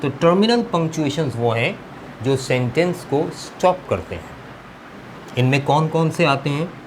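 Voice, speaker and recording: A male English teacher giving a lesson, explaining slowly and deliberately and mixing Hindi-Urdu with English terms. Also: fairly high pitch, expressive, a little hiss or hum.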